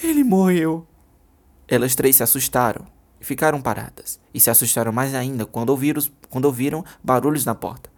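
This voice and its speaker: A storyteller narrating a dark story in a steady, measured way, slowing on vivid images. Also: medium pitch.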